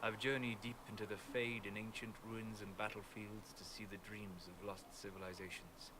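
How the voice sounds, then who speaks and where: An actor playing a calm, scholarly mage in a video game, speaking in a measured, wistful, formal way like a guide to dreams. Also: male voice, lowish voice, background noise, natural voice. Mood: wry, reflective. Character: calm, scholarly apostate mage, a male dreamer of ancient memories.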